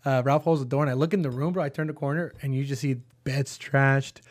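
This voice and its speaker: A young man telling a story in a casual chat, animated and full of slang and swearing. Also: medium pitch, fast talker, no room sound. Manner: animated, swearing, acts out quotes. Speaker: podcast co-host.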